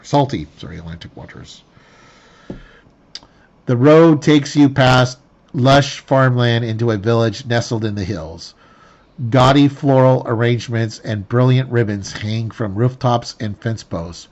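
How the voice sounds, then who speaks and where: A man reads the story text of a tabletop game aloud at an ordinary middle pitch, tripping over words and going back to fix them. The recording is dull and lo-fi, lacking crispness. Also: unhurried, a little mellow. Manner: stumbling restarts and self-corrections while reading. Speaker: player reading the scenario aloud. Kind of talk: reading game narration aloud, with slips. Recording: dull lo-fi sound.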